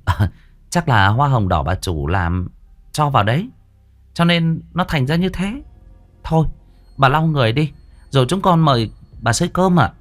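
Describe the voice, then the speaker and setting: A man's voice: medium pitch, big pitch swings, moderate pace, long pauses, faint music behind, voice pushed up, close to an everyday voice. A man doing coaxing household servants. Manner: coaxing, reassuring.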